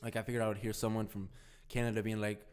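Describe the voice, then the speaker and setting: A man's voice: fairly low pitch, level tone, fast talker, darkish tone, clear, resonant tone. A young man co-hosting a podcast in casual chat, rambling with lots of fillers like "dude" and "you know what I mean". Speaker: podcast co-host.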